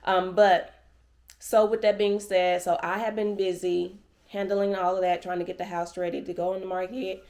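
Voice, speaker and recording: A middle-aged woman talks in a folksy, conversational vlog style. Her voice sits a bit low for a woman. Wearing a retainer makes some of her words come out slightly off. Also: little pitch movement, moderate pace, darkish tone. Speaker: vlogger and realtor. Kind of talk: casual chatty vlog.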